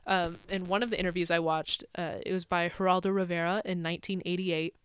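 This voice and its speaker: A woman's voice: on the low side, level tone, a little fast, fairly bright tone, smooth, dry recording. Chatty young woman podcast co-host. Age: college-age young adult. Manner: chatty, laughs often, says "like" a lot. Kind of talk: casual true crime podcast chat.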